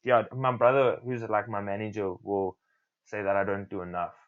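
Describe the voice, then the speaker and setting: A man's voice: fairly low pitch, moderate pace. A young man, a musician guest on a podcast, chatting casually in a laid-back, rambling way. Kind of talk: casual chat. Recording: dull lo-fi sound.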